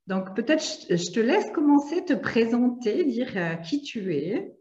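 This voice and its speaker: A woman's voice: fairly high pitch, big pitch swings, a little slow, darkish tone. A woman facilitator chatting casually on a video call, with frequent filler sounds. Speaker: family constellation facilitator. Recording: echoey, dull lo-fi video call audio.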